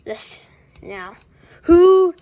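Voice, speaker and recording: A woman playing a loud, excitable echidna plush. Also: very high-pitched, very slow, lo-fi sound, heavily acted. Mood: stubborn. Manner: shouts and cries out dramatically. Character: excitable male echidna plush, boastful, hot-headed.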